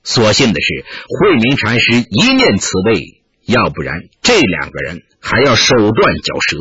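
Male storyteller, dramatic narration, very husky, bright tone, dry lo-fi sound. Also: fairly low pitch, measured pace, dry recording. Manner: expressive, dramatic delivery. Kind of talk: martial-arts story narration.

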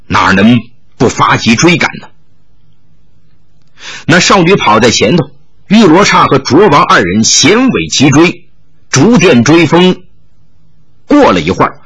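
A man's voice: fairly high pitch, fairly bright tone, breathy edge. A man narrating a martial arts novel in a dramatic, vivid storytelling style.

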